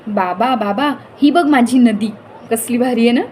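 A woman's voice: fairly high pitch, normal speed, darkish tone, a little hiss or hum, close to an everyday voice. A woman voicing a bored young boy who whines and pleads in a storybook reading. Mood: excited. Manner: whining, pleading.

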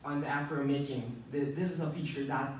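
A teenage boy from Taiwan gives a student contest pitch in careful English, his first language being Mandarin. He stumbles and restarts often, and he speaks into a handheld mic. The sound is an echoey conference hall, caught from far off with faint noise. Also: fairly even intonation, brisk. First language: Mandarin Chinese. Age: teens. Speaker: student presenter. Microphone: handheld mic, filmed by a far phone camera.

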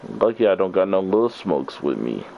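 A man's voice: low voice, sing-song, normal speed, creaky, muffled recording, a little hiss or hum. A trash-talking male game streamer. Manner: profane trash-talking at opponents; loose, casual slang. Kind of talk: live gameplay commentary.

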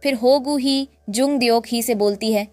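A woman narrating a drama recap in a lively storytelling way, acting out the quoted lines. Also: on the high side, normal speed, no echo, faint music behind.

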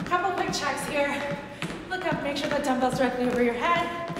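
A high-voiced woman trainer leads a workout, calling out moves with upbeat energy, counting down and cheering. Her voice rings in a roomy space with a long reverb tail, with clear background noise underneath. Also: normal speed. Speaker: fitness trainer. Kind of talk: leading a home workout.

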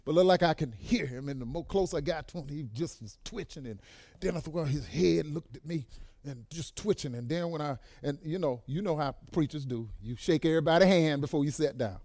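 Male pastor, fairly high voice, dry close sound; fervent sermon delivery with loud amen-filled bursts and quiet storytelling stretches. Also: fairly quick, no echo. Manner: swells into loud exclamations, trails off quietly in stories; punctuates lines with "amen" and "bless God". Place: church service with a congregation.

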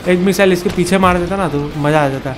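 Excitable man doing game commentary. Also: high voice, fast. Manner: taunting, excitable, repeats words in bursts. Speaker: gaming channel host.

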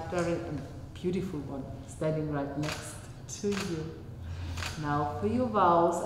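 Woman, wedding officiant, formal measured delivery, lowish voice, long chapel reverb, faint hiss. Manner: formal, measured, leads vows line by line. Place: small wedding chapel indoors.

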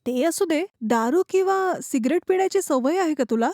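A woman's voice: high voice, animated, moderate pace, a little mellow, no room sound, studio quality. A young woman acting a playful girlfriend in a short film, teasing with questions. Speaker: actor.

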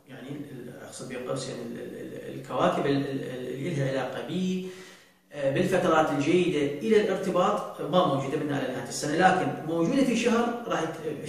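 A man, answering viewer questions on a show, talking slowly with many drawn-out fillers and restarts. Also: fairly high pitch. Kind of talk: casual talk show monologue. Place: indoor studio set at a desk. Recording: very roomy, from far off the mic.

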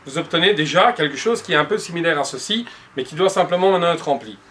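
In his workshop showroom, an upholsterer in his forties demonstrates cushion making, patiently explaining each step and addressing the viewer directly. His voice is fairly high, fairly bright and expressive, and he talks fast. The camera mic picks up a little hiss or hum.

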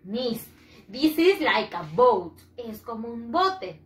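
An eager young schoolchild, played by a woman teacher answers politely and calls her miss. The voice is high and lively. It is heard in an echoey room. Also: slow.

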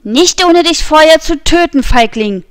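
A woman's voice: high-pitched, lively intonation, a little slow, voice pushed up. D'Artagnan, a fiery young swordsman, read by a woman. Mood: angry, defiant. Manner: furious, defiant shouting. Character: young hot-headed male Gascon swordsman.

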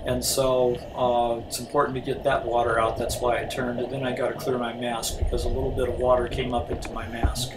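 An older man giving an informal, matter-of-fact explanation as a diver, halting at times. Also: medium pitch, little pitch movement. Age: older, around 70s. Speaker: scuba diver and vlogger. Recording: distant, noisy outdoor camera audio.

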